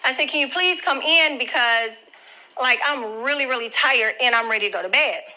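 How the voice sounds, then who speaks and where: A woman's voice: high voice, moderate pace, pushed and bright, rough recording. A grandmother telling viewers a personal story in a chatty, direct way. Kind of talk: casual storytelling to camera.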